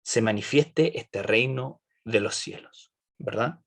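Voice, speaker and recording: A man's voice: medium pitch, slow pace. Man, Bible study leader, online class, asks questions, checks in with listeners. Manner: asks the group questions, tags "right?".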